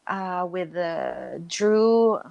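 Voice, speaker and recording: Slow-talking frank woman guest. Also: fairly low pitch, expressive, vocal fry, lo-fi sound. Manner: unhurried, frank, laughs often. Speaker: interview guest. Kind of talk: casual interview chat. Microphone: podcast mic.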